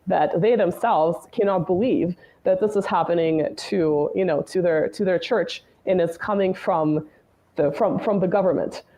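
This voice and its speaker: A talkative woman appears as a guest commentator in a relaxed political conversation, her fairly low voice warm and her pace moderate. She goes on at length, sprinkling in "you know" and "right?" throughout.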